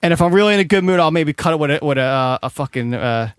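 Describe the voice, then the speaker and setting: A man chats on a podcast, explaining things in a flat, matter-of-fact way. His voice sits on the high side, and the sound is dry and close. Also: fast, smooth, no room sound. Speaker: podcast co-host. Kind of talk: casual chat.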